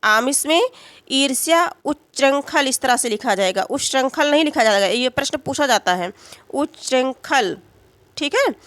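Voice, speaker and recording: A woman with a fairly high voice teaches grammar in an unhurried, patient way. She keeps asking a question and answering it herself, with many small fillers and check-ins. The recording is dry and close, with no room sound. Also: animated, fairly bright tone, no room sound. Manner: explains slowly, asks and answers her own questions. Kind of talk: exam-prep grammar lesson.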